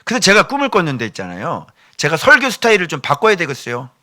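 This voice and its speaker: A male pastor giving a sermon in an animated way, with joking asides to his congregation. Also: fairly high pitch, fast talker.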